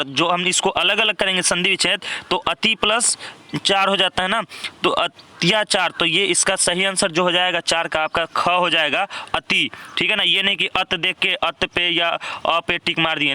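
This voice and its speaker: A man's voice: sits high, bright, forceful tone. A young man working through exam questions as a teacher, explaining step by step and checking in with "right?" after each answer. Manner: repeats "thik hai na" often, explains step by step.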